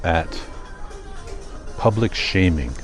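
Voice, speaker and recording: An older Canadian-accented man chats casually in a rambling vlog, thinking out loud in a halting way and correcting himself as he goes. His voice is deep and animated, with faint music playing behind him.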